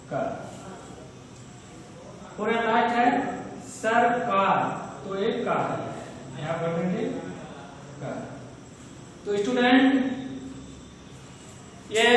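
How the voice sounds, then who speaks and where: A man teaching a recorded school lesson, slow and patient, speaking directly to his students. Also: extremely high pitch, a bit bright. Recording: echoey room, voice far from mic, clear background noise.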